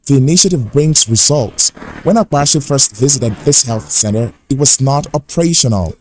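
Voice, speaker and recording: Man reading a measured news report. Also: mid-range voice, expressive, a little hiss or hum. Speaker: news correspondent. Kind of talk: scripted news report narration.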